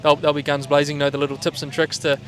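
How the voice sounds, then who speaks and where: A fast-talking driver with a broad Kiwi accent keeps his high-leaning voice monotone during a laid-back, slang-filled interview. It's recorded outdoors at a speedway, with vehicles audible along the track.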